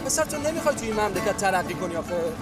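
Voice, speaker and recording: A man's voice: high voice, very animated. An actor playing a pushy, ambitious young man who insistently and teasingly coaxes his friend, with a music score underneath. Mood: coaxing. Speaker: scheming friend. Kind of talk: period TV drama acting.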